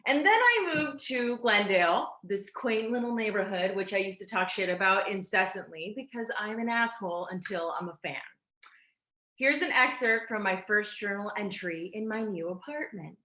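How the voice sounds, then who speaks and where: A woman performing a candid, confessional monologue over a video call, swinging between loud and soft. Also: mid-range voice, animated, normal speed, roomy sound, low-quality recording. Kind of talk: theatrical monologue.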